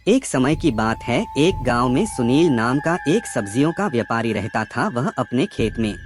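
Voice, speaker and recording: Male storyteller, horror tale, very animated pitch swings, heavy music underneath. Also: normal speed. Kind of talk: scripted horror narration. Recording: loud music behind the voice. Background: loud background music.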